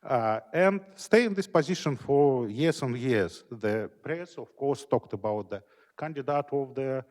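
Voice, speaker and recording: Halting man speaker in a reverberant hall. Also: medium pitch, animated, darkish tone. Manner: halting, groping for words. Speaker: lecture speaker. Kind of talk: academic panel discussion.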